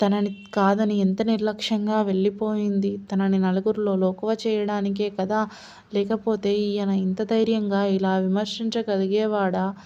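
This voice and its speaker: A woman reads a story aloud in a steady, level voice with little rise and fall. Her tone is dark and mellow. The recording sounds dull and lo-fi. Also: mid-range voice, normal speed. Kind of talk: audiobook narration.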